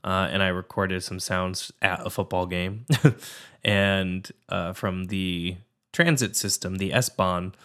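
A man's voice: deep voice, steady tone, slow pace, fairly bright tone, smooth. A man co-hosting a podcast in casual chat, easygoing, laughing often and explaining things plainly. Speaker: podcast co-host.

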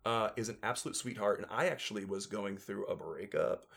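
A man's voice: on the low side, a little fast, creaky, a bit bright. A man in musical theatre, chatting casually as a guest and telling stories with lots of fillers and restarts. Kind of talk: casual storytelling chat.

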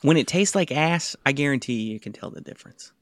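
A man's voice: fairly high pitch, expressive, brisk, no room sound, studio quality. A man co-hosting a casual podcast, a comedian who jokes wryly and defends himself. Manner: wry, defensive joking. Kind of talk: casual chat.

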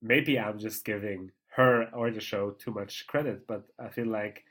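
A man co-hosting a podcast, chatting casually with frequent laughter and halting, hesitant phrasing. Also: lowish voice, steady tone, fairly bright tone. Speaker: podcast co-host. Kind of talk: casual chat about a TV show.

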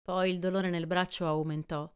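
A woman reading a classic adventure novel aloud as an audiobook, in an even, measured storytelling manner. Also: fairly low pitch, smooth. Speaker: audiobook reader. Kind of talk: scripted literary narration.

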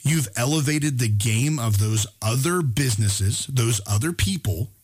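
Husky male host, earnest motivational storyteller who trips over his words and slows down for emphasis. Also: medium pitch, lively intonation, a little mellow. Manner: earnest, frequent stammered restarts; slows down to stress key words. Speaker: podcast host. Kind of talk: personal story and motivational talk.

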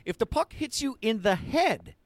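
A man's voice: very high-pitched, very animated, normal speed, no echo. A man co-hosting a postgame chat, retelling an argument with many restarts. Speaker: co-host. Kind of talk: casual chat.

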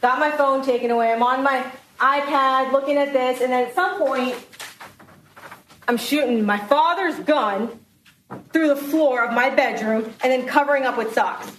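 A woman prosecutor delivers her closing argument in court, asking the jury rhetorical questions. Her voice is high and a bit bright, at a normal speed, and she is far from the mic in a roomy courtroom with faint noise.

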